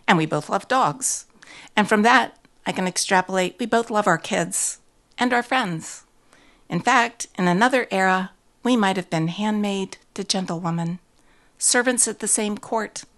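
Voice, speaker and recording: An American woman reading her own personal story aloud, wry, self-mocking and expressive. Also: lowish voice. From United States.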